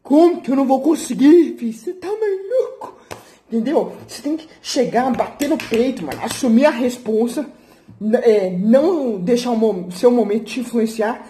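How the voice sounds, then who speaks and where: A man's voice: very high-pitched, lively intonation, moderate pace, dark tone. A young man, an athlete vlogger, giving a brash, profane, slang-filled motivational rant and boasting about himself.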